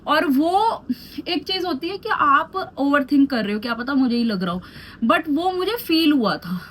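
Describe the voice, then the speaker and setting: A young woman with a high, light voice tells a story for her vlog, animated and chatty. She moves freely between Hindi and English. A faint hum of room ambience sits behind her. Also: measured pace. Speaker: beauty vlogger. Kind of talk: storytime vlog while doing skincare.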